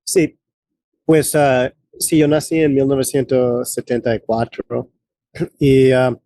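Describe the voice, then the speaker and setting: A man in his late forties from the United States, a guest in an interview, talking in a halting way with many fillers and restarts. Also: medium pitch, little pitch movement, mellow, no room sound. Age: late 40s. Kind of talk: conversational interview.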